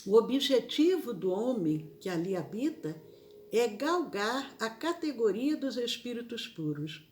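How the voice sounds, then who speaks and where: A woman from Brazil leading a spiritist gospel study, speaking slowly and repeating key phrases for emphasis. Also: fairly high pitch, sing-song, a little mellow.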